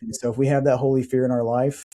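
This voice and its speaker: A man's voice: medium pitch, level tone, fast, warm tone. A man hosting a podcast, speaking in an affirming, reflective way in casual conversation. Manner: affirming and reflective, calls the guest man and brother. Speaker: podcast host.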